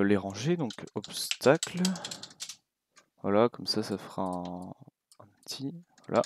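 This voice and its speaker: Man, French accent, young adult, casual coding tutorial, slow talker, dry close mic, keyboard typing behind. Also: on the low side, dry recording. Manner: relaxed, talks while clicking, many fillers and little asides. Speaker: game development tutor.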